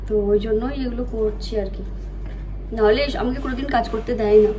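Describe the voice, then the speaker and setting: In this poor-quality clip with a little background noise, a vlogger talks her viewers through her household chores indoors, moving between the kitchen and other rooms. Her voice sits a bit high and stays steady in tone, and she speaks quickly. She goes quiet while her child naps and uses a sing-song, coaxing voice when talking to the little one.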